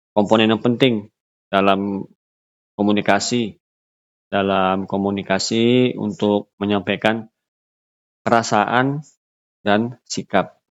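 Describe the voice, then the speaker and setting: A man giving an unscripted lecture, pausing often with fillers and restarting his phrases. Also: on the low side, lo-fi sound. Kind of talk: recorded lecture.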